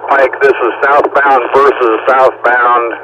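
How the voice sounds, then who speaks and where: A man's voice: mid-range voice, little pitch movement, slow pace. A man calling in over a police radio as an emergency responder, using clipped radio codes with hesitant fillers. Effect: police radio transmission. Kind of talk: two-way radio traffic. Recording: muffled radio with loud static.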